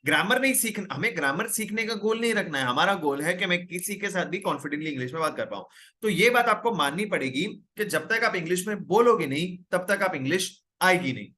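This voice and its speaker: A young man teaches English in a live online class, coaxing students to speak up and reading out their names and comments. His voice sits high, with lively intonation, a fairly quick pace, and a sharp tone.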